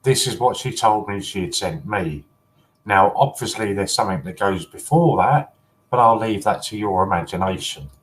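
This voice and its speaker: A man's voice: on the low side, lively intonation, normal speed, low-quality recording. A man hosting a casual collector livestream, chatty and teasing, often breaking into giggles.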